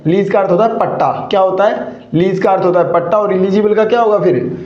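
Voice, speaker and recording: A man's voice: high voice, quick pace, a little mellow. A male teacher with a Hindi accent gives a vocabulary lesson, asking rhetorical questions, answering them himself and repeating each word. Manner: keeps addressing listeners as "companions". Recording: echoey, dull lo-fi room recording.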